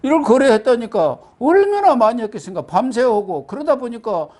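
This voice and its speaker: Male host, high and lively pitch, mellow tone, steers the talk with questions. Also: a little fast. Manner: conversational, agreeing, leading questions. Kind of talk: political talk show discussion.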